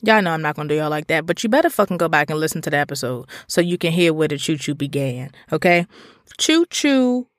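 A woman hosting a podcast, delivering a comedic monologue that swings between loud profane outbursts and low asides. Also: expressive, fast, dry recording, clean studio sound. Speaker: podcast host.

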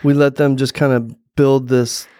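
A man's voice: mid-range voice, little pitch movement, normal speed, mellow, dry recording. A man co-hosting a casual podcast, chatty and jokey while talking real estate. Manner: jokey, chatty, laughs easily.

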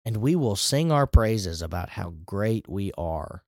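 A man's voice: on the low side, big pitch swings, a little slow, no room sound, studio quality. A man preaching a sermon in a conversational way, with rising emphatic asides.

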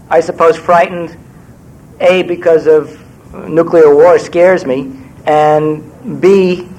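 An older New Yorker with a slightly high voice, a screenwriter, speaks as a guest in a Q&A talk before an audience. He's wry, digressive and self-deprecating, and the recording quality is low.

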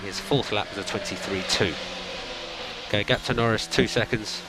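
A calm male race engineer on team radio. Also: fairly low pitch, normal speed. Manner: calm, clipped, repeats each instruction. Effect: race car team radio. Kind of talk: team radio instructions to a driver. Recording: radio voice over loud car noise.

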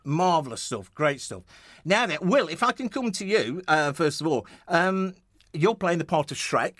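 In a radio studio, a male radio host with a somewhat high, expressive voice and fairly bright tone conducts an interview at a moderate pace, with no echo. He's jovial and casual, rambling through frequent restarts and fillers and chuckling often.

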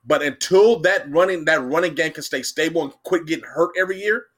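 A young man co-hosting a sports podcast pushes his predictions in a casual debate, rambling, repeating himself, and getting animated as he argues. His voice is a little high and fairly quick.

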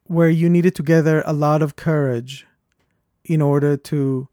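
A man with a foreign accent co-hosting a podcast, talking in an earnest and reflective way that turns animated when he tells a story. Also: a little high, a little slow, no room sound, studio quality. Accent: foreign accent, origin unstated. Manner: earnest, thoughtful, animated when telling stories. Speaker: podcast co-host. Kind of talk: reflective conversation.

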